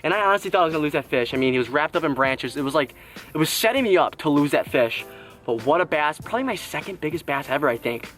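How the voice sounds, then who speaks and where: An excitable young man with a somewhat high voice talks to his camera while fishing at a pond outdoors. He exclaims often and sounds hot and sweaty in the heat. Faint music plays underneath. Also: fast. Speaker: fishing vlogger. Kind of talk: casual vlog talk to camera. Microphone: action camera.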